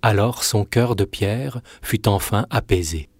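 A low, husky man reads a fairy tale aloud in a measured, expressive way. The sound is dry and close. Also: no room sound. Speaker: narrator. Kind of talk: storybook narration.

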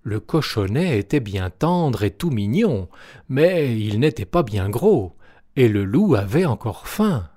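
A man reading a children's fairy tale aloud as a storyteller, expressive and lively. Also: mid-range voice, slow.

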